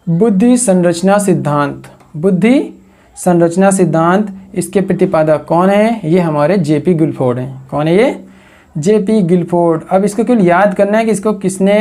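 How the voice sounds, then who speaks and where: Male coaching teacher, mellow tone, drills mnemonics through question and answer. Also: high voice. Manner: repeats questions to the class and answers them; builds memory tricks from words. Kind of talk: exam coaching lecture.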